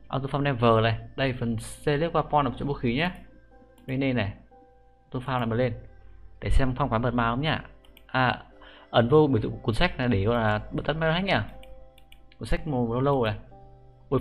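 With music playing behind him, a young YouTuber records a laid-back screen tutorial about a game script. His voice is medium-pitched and creaky, and he talks in excitable slang, tacking the same particles onto the ends of his sentences.

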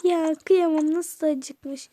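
Woman plays a sweet fussing aunt in a toy-game story, very high voice, calls everyone dear. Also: steady tone, takes it slowly, dark tone, slight background noise. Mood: fond. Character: kind caring aunt, middle-aged woman. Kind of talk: toy game role-play voice-over.

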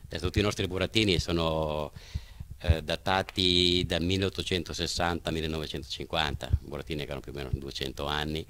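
Very deep-voiced older man. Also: steady tone, brisk, a bit bright, a little hiss or hum. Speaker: puppeteer from a family company. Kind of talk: interview, explaining his craft. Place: indoors at the puppet theatre. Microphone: handheld microphone.

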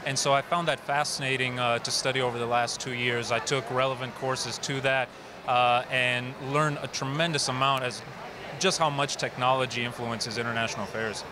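Measured young man, thoughtful replies. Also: mid-range voice, steady tone, noisy background. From Bulgaria. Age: young adult. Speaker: graduate being interviewed. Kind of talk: casual interview.

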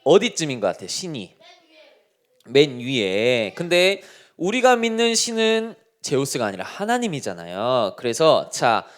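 A male pastor giving a sermon to children, speaking in a lively way and constantly asking them questions. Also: mid-range voice, unhurried.

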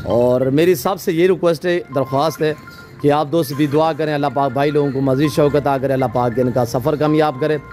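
A man running a farm vlog outdoors, speaking effusively and packing his talk with blessings while he interviews buyers and shows off his animals. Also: fairly high pitch. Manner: effusive, many religious blessings. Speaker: goat farm owner and vlogger. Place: outdoor goat farm pens.

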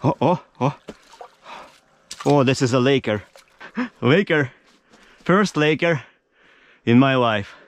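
A man in his thirties talking to camera from an ice-fishing tent, in broken non-native English and breaking into excited exclamations. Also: mid-range voice, slow, long pauses, no room sound. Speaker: fishing vlogger. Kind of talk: casual vlog narration to camera. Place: inside an ice-fishing tent on a frozen lake. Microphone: action camera mounted in the tent.

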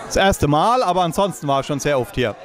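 Man in his forties, slightly high voice, enthusiastic guest, party music behind. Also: lively intonation, quick pace. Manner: enthusiastic, praising. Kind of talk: casual interview answers. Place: restaurant New Year's Eve party. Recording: loud music and crowd.

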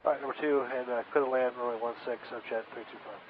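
A man's voice: mid-range voice, steady tone. A man, an airline pilot, talking over his cockpit headset radio to air traffic control, reading back instructions in a clipped, businesslike way. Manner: clipped, brisk readbacks of instructions. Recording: muffled radio transmission with faint hiss.

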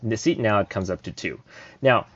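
A man with a lowish voice walks through code in a relaxed coding tutorial, thinking aloud as he goes. The recording is dull and lo-fi, with keyboard typing behind him. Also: fairly quick, breathy edge, no echo. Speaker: programming tutor.

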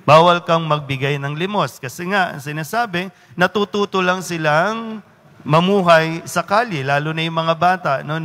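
A man's voice: fairly high pitch, bright, forceful tone. A man, a priest, giving a homily at Mass and asking the congregation questions. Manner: asks the congregation questions, quotes people aside. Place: church. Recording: church hall reverb.

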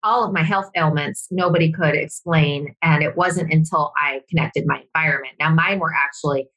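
A woman co-hosts a casual health podcast, chatty and engaged with her guest. Her voice is low for a woman yet bright and forceful in tone. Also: poor audio. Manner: chatty, quick to laugh along. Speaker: podcast co-host.

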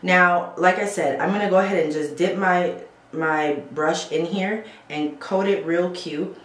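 A woman's voice: lowish voice, measured pace. A woman giving a casual beauty how-to at a bathroom sink, chatting to viewers and checking in with "okay?" as she goes. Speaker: beauty vlogger. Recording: roomy echo, faint ambience.

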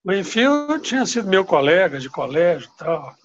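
Over dull, lo-fi video call audio from his laptop webcam, an older father recalls family tales in a home room, pausing and letting sentences fade. He has a high, very animated voice at a moderate pace, with crowd noise in the background.

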